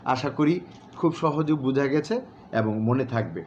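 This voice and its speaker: A man from Bangladesh teaching pronunciation, repeating example words slowly and deliberately between frequent filler sounds. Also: mid-range voice, darkish tone. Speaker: recitation and newsreading instructor. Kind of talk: pronunciation lesson. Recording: dull, slightly noisy home recording.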